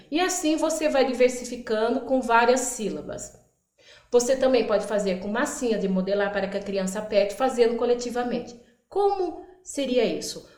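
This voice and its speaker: A woman's voice: on the high side, darkish tone. Echoey-voiced woman teacher explaining activities. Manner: stretches out words for demonstration, acts out classroom prompts. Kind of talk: instructional explainer.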